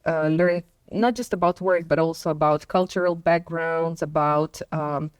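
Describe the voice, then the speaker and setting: This woman from Croatia and Bosnia and Herzegovina appears as a guest on a company talk show, chatting casually in unhurried English. Her low, smooth voice keeps a fairly even intonation, and she hesitates, uses many fillers and laughs between points. The recording has no room sound.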